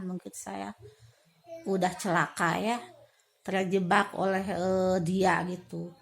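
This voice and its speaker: A woman, talking in a relaxed, chatty way. She leans on fillers and stretches her words out slowly when the story turns eerie. Her voice sits at an ordinary middle pitch. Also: vocal fry. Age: 50s. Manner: chatty, many fillers, drawn-out words at tense moments. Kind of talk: casual storytelling to camera.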